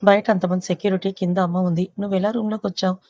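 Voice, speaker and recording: A woman's voice: medium pitch, level tone, rapid-fire, warm tone, muffled recording, close to an everyday voice. A woman narrator voicing a flustered, affectionate young wife who protests lightly. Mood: protesting.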